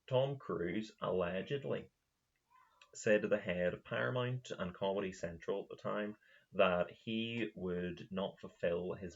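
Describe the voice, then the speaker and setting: Man, podcast host, casual rambling talk, lots of fillers, husky voice, slightly muffled lo-fi sound. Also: low-pitched. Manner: rambling, with many fillers and restarts; laughs at his own retelling. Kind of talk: casual monologue. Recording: slightly dull lo-fi recording.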